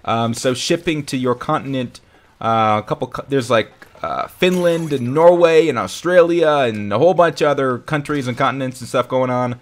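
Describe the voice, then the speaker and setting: Hiccuping as he goes, a young man hosts a laid-back live stream at a moderate pace, his voice mid-range. His talk is upbeat and rambling, full of self-corrections.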